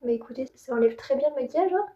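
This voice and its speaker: Parisian french girl, high soft mellow voice, chatting casually about skincare like a vlogger, pretty candid. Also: expressive, fast talker, lo-fi sound. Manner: informal, colloquial, candid. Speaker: beauty vlogger reviewing skincare. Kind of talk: casual product demo chat.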